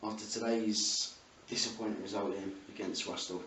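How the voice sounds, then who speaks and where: A man's voice: fairly low pitch, steady tone, moderate pace, a bit bright. A man with an English accent working as a club TV interviewer, putting questions after a match. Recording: roomy, distant mic, faint ambient noise.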